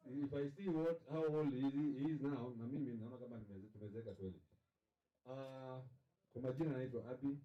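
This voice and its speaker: A man with a Kenyan accent giving a jovial, playful party speech as an uncle, jumping into excited highs. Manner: jovial, code-switching, rises to excited highs. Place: party venue. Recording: dull, echoey hall sound.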